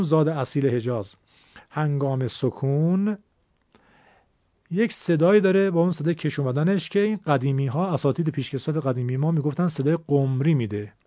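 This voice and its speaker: A man teaching Quran recitation, explaining how to pronounce a letter and demonstrating it with slow, drawn-out examples. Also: a little high, a little mellow, dry recording. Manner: explains slowly, then demonstrates drawn-out Arabic sounds. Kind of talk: tajweed lesson with recited examples. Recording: dull lo-fi recording.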